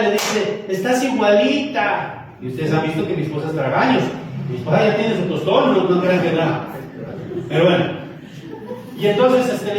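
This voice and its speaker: Male pastor, lighthearted sermon, high voice, distant and roomy. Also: noisy background. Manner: storytelling, joking with the congregation. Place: church hall. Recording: echoey hall from far off.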